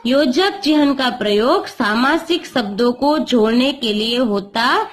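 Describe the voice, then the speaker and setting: A woman with a fairly high voice teaches a school grammar lesson online. She talks slowly and deliberately, pausing to explain each point and slipping English terms into her Hindi. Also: expressive, rough recording. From India. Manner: slow, explanatory, mixes English words.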